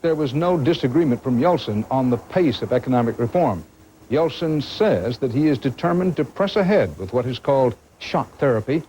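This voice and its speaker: News anchor guy reporting live, mellow midrange voice, faint noise. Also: medium pitch, rough recording. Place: live broadcast from Moscow.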